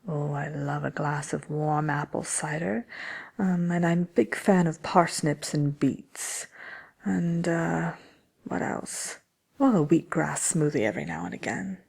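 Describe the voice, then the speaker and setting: A woman voicing the smug, envious Wicked Witch in a soft ASMR roleplay, talking slyly and haughtily with hesitant pauses. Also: sits low, exaggerated voice. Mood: smug, chatty. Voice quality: breathy, creaky, often near whispering. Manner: sly, haughty, hesitant with many drawn-out pauses. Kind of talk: ASMR roleplay, soft-spoken chatty answers to listener questions.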